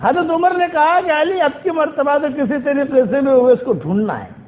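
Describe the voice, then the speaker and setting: A man giving a Friday sermon in a mosque, retelling stories with quoted dialogue and emphatic repetition. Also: very high voice. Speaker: preacher. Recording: tinny phone-like sermon recording with faint hiss.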